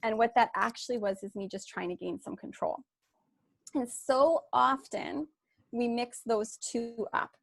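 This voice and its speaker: A woman's voice: a little high, measured pace, gravelly, dry recording, studio quality. A woman life coach giving a candid online workshop talk, telling her story with many "you know"s and "like"s over a video call.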